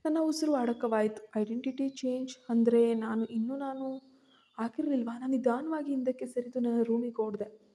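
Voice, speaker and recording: A woman's voice: on the high side, fairly even intonation, normal speed, mellow. A woman narrating a suspense story in the first person, with tense, fearful storytelling.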